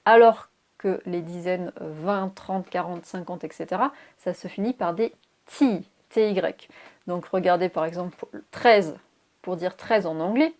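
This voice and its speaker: A woman's voice: on the low side, measured pace, a little mellow. Woman teaching English pronunciation. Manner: clear teacherly explanation, spells words out letter by letter. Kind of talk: video lesson.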